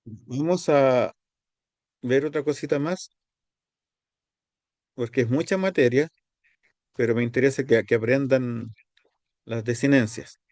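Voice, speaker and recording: A man teaching a seminary lesson on Greek grammar. He explains step by step and repeats forms slowly. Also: mid-range voice, a little mellow, no room sound. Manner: explains step by step, repeats words slowly, pauses to find his page.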